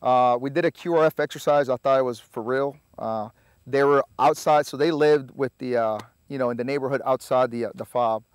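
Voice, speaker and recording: A man, a Spanish speaker, telling his story in a relaxed, halting way full of filler sounds. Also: medium pitch, clean tone, no room sound. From Puerto Rico. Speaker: army veteran guest. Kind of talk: casual interview storytelling.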